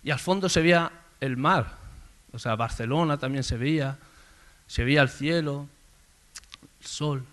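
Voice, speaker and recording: A man preaching a sermon in a conversational storytelling way, calling out names loudly. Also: medium pitch, a little slow, pauses often. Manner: conversational storytelling, swells loud on names called out. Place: church service.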